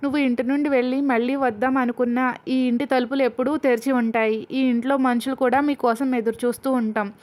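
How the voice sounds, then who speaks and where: A woman voicing a calm, dignified older family head who speaks in a measured way. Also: high voice, natural voice.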